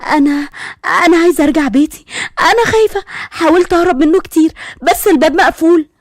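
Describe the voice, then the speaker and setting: A frightened young woman sobs and stammers out her pleas in a high, rushed voice with an Egyptian accent, as a woman storyteller puts her on. The voice is close and dry, with no room around it. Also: darkish tone, no room sound. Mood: panicked sobbing. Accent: Egyptian Arabic. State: crying. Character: terrified young woman on the phone, crying.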